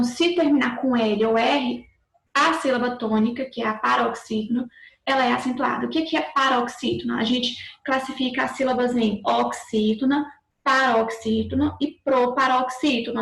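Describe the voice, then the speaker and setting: Woman, Brazilian Portuguese accent, schoolteacher, higher voice, gravelly, patient step-by-step explaining, echoey room. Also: steady tone, normal speed, fairly bright tone. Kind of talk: recorded remote class.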